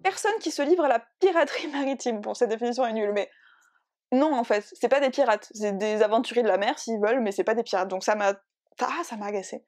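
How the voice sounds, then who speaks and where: A bubbly woman chats casually to camera about books and drawing. Her voice sits a little high, and she rambles, corrects herself mid-sentence and breaks into laughter easily. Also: fast, a little mellow, faint music behind. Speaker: book and art vlogger.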